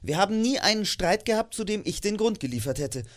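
A man's voice: high-pitched, expressive, a little fast, voice pushed up. A man reading an audiobook, voicing a cheerful, earnest young nephew who pleads with feeling. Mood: hurt entreating. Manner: pleading and heartfelt.

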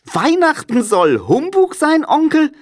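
A cheerful, warm-hearted young man with a much higher, lively voice, as a male reader puts him on. He pleads brightly and with eagerness. It is an audiobook reading. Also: measured pace, heavily acted. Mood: pleading.

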